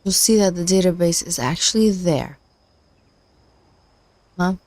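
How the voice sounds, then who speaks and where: A woman with a fairly low, unhurried, slightly mellow voice hosts a casual livestream while learning machine learning, recorded without echo. Her voice is failing as she thinks aloud, hesitant and full of fillers and restarts, talking to herself.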